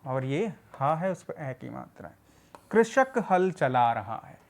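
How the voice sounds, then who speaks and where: A man's voice: medium pitch, very animated, slow, gravelly. A man teaching adults to read, spelling out words syllable by syllable, asking questions and answering them himself, and often checking in with his listeners. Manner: often checks in with "theek hai". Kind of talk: slow step-by-step reading lesson.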